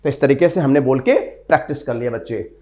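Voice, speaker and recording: A man's voice: medium pitch, mellow, roomy sound. A man with an Indian accent teaching a vocabulary lesson, switching between Hindi and English and having students repeat words aloud. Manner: slow, emphatic English phrases.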